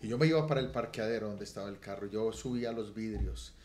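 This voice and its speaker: A middle-aged man, a pastor giving an earnest testimony on a podcast that swells loud and emotional. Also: lowish voice, fast talker, roomy sound. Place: podcast studio room.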